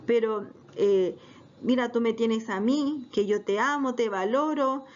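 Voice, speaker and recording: A woman voicing a loving husband who gently and slowly questions and consoles his wife. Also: fairly high pitch, slight background noise, natural voice. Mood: consoling. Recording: dull lo-fi recording.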